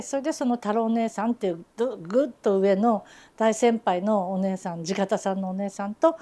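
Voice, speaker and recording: In a reminiscing interview chat, a geisha who also runs a teahouse shares affectionate stories with frequent laughter, chatty and fond throughout. Her voice is warm and on the high side.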